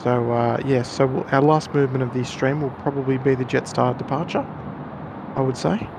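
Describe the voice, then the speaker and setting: A man's voice: medium pitch, steady tone, fairly quick. A man co-hosting a casual live stream. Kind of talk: casual live plane-spotting chat. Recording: outdoor traffic and urban noise. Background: city and vehicle noise.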